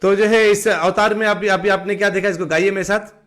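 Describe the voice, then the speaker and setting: A man giving a live-streamed devotional talk, asking the audience questions and answering them himself, sometimes breaking into slow sung chanting. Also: sits high, fairly even intonation, fairly bright tone. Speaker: devotional teacher.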